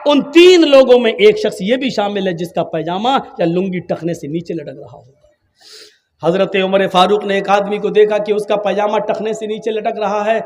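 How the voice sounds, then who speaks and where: A man from India preaching to a gathering in an emphatic, high voice. He swings from shouting to hushed storytelling and acts out the dialogue. A long hall reverb hangs on every phrase. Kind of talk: religious sermon at a gathering.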